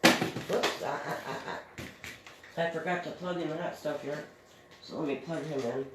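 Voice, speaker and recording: A middle-aged crafts host with a low voice and moderate pace tells an easygoing story while she works. She chats freely, laughs often, and leans on fillers, all captured with a roomy echo and faint noise.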